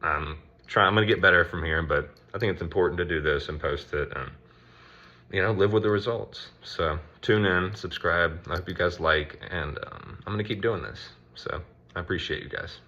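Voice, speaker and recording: A man's voice: low voice, moderate pace, pushed and bright, dull audio. A man vlogging about his writing in a casual, earnest way, restarting his sentences and sounding a little out of breath. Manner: rambling, self-correcting, earnest. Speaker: writer and vlogger. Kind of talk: casual talk to camera.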